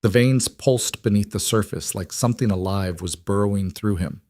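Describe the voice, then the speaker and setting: Low-voiced male fantasy narrator. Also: a little mellow, no room sound. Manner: dramatic, measured storytelling. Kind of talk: scripted audiobook narration.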